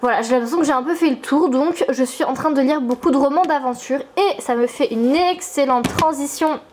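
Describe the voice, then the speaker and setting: High-voiced chatty French woman vlogger. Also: a little fast, darkish tone, a little hiss or hum. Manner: chatty, enthusiastic, filler-heavy. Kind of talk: casual chatty vlog. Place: her apartment.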